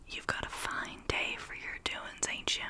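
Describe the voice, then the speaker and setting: A reader whispers the part of an old rustic shepherd who is grave and superstitious, telling the story in a grave mood. The pace is a little slow and the voice is close to an everyday one.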